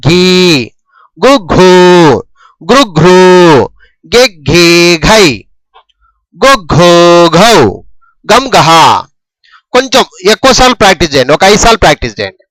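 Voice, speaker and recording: A man with a high voice teaches a lesson, sounding out each syllable patiently and pausing to ask if the class is following. His recording is dry and close, with no room sound. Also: fairly bright tone, no room sound, poor audio. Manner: patient, repetitive drilling, frequent "okay?" checks. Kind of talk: Telugu alphabet lesson, reciting syllables.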